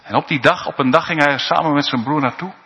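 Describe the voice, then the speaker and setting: A man preaching a sermon in a church, slow and emphatic, with pauses and rising calls. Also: a little high, bright, forceful tone. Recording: dull recording in a reverberant church.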